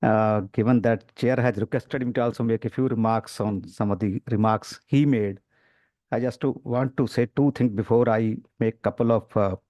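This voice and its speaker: A man, a professor giving an academic presentation at a seminar, explaining his points in a measured way with some fillers. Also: fairly low pitch, steady tone, mellow, no room sound. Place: conference room.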